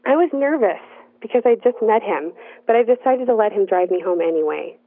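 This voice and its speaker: A woman telling a personal story in the first person, in an earnest, measured narrating voice. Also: mid-range voice, animated, slightly rough, dry recording. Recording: dry, tinny phone-like sound.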